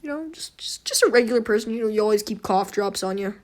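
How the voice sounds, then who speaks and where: A woman hosts an informal game tutorial in a hoarse voice with a slight wheeze. She rambles along off the cuff, often apologetic and poking fun at herself. Her pitch sits in the middle for a woman. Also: animated, fast talker. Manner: rambling, self-deprecating, apologetic. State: hoarse throat. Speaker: tutorial host. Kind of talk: casual unscripted game tutorial commentary.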